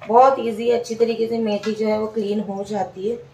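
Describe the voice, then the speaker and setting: A woman's voice: fairly high pitch, flat delivery, normal speed, a little mellow, slight background noise. A woman, casually narrating a home cooking vlog and explaining each step to her viewers. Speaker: home cook vlogger. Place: home kitchen. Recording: echoey kitchen, mic far off.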